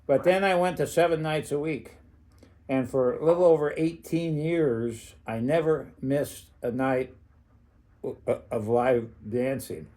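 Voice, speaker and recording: Speaking at a medium pitch with a dark tone, an older man with an American accent looks back on his days running a club. His casual recollections are halting and meandering, punctuated by frequent chuckles.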